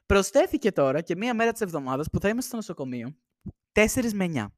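A young man hosts a podcast at home, sharing a single microphone indoors as he chats casually, rambles, and laughs often. His voice is high and very animated. The recording is dry and clean, studio-like.

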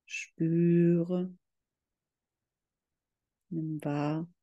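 A yoga instructor guiding a meditation in calm, measured, drawn-out phrases. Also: mid-range voice, dull audio. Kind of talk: slow guided yoga meditation.

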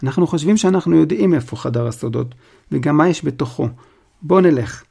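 A man's voice: a little high, lively intonation, vocal fry, a little mellow, breathy edge, heavily acted. A man voicing a brave twelve-year-old boy wizard, earnest and blunt, in a storybook reading. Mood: determined.

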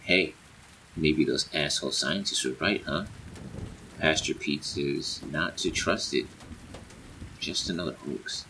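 A man voicing a bold, stubborn woman who shouts scornful outbursts. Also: extremely low pitch, takes it slowly, long pauses, slight background noise, exaggerated voice, low-quality recording. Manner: loud, sneering outbursts.

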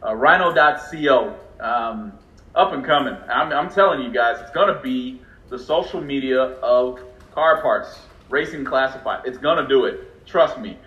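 A man from California co-hosting a racing livestream, excitable and chatty, laughing often as he talks. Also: medium pitch, measured pace. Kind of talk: casual livestream chat. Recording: roomy, dull lo-fi sound.

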